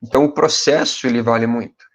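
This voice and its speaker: Speaking in a mid-range voice with fairly even intonation, this Brazilian Portuguese-accented professor in his forties offers conversational advice to graduate students. He addresses viewers directly as "pessoal" and keeps ending sentences with quick checks for agreement.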